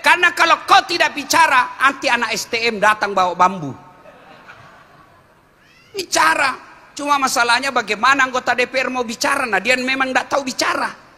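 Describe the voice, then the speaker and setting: A man preaching a humorous sermon to a congregation, animated, swinging from low asides to loud exclamations. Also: a little fast. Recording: reverberant hall.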